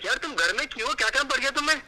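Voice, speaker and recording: A man's voice: very high voice, expressive, rapid-fire, a crowd in the background. A man on a phone call, indignant and threatening when a prank caller claims to be in his house. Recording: noisy phone line.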